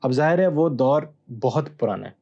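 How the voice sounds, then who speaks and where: A man, a Bible scholar guest, explaining texts in a measured, teacherly way with hesitant pauses. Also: medium pitch, animated, vocal fry, dark tone, highs cut off. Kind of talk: explanatory interview answer.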